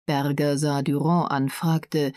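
A woman reading a crime novel aloud in a calm, measured narration. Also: deep voice, dry recording, studio quality. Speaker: audiobook narrator.

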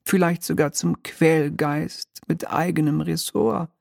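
A man's voice: fairly high pitch, fairly even intonation, measured pace, gravelly, darkish tone, dry recording, clean studio sound, pitched above the performer's own voice, exaggerated voice. A man reading an audiobook, voicing an oily, pompous male demon bailiff from hell with unctuous, mock-polite formality.

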